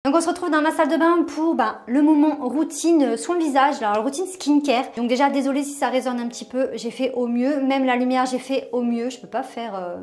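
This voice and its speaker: Brief: young female vlogger, casual skincare chat, slightly high voice, soft trailing phrase ends, filler-heavy. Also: fairly quick, few pauses, slight background noise. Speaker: beauty vlogger. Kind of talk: casual morning-routine vlog with voice-over. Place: small echoey bathroom at home.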